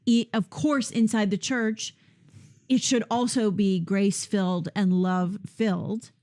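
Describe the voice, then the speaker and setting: A woman's voice: medium pitch, fairly even intonation, measured pace, warm tone. Woman leading a conversational Bible study. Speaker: host leading a Bible discussion.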